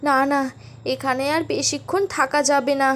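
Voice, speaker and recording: A woman's voice: flat delivery, moderate pace, heavy background noise, lightly acted. A woman voicing a worried village mother in a cartoon, speaking anxiously. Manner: anxious, high. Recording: background music.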